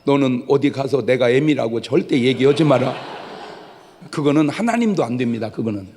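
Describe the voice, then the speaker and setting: A middle-aged man preaching a lively, joking sermon, acting out the voices of the people he quotes. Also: medium pitch, normal speed, long reverb tail, slight background noise. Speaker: pastor. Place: church sanctuary.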